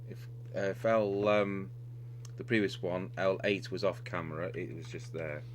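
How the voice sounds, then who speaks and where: His voice sits low with little pitch movement, at a moderate pace. Working at an indoor bench, he gives an unscripted technical demo of a radio repair, going step by step and a little hesitantly. Electrical hum runs through the clearly noisy audio.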